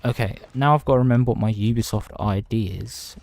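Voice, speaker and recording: A man's voice: lowish voice, brisk, gravelly, darkish tone, no echo. A man casually chatting on a livestream from home, rambling between topics and greeting viewers by name. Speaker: livestreaming gamer.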